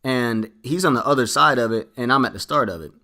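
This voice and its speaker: A man's voice: mid-range voice, a little fast. A young man in his late teens or early twenties, a vlogger telling a story casually and acting out what people said. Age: young adult. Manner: animated, quoting himself and others in dialogue.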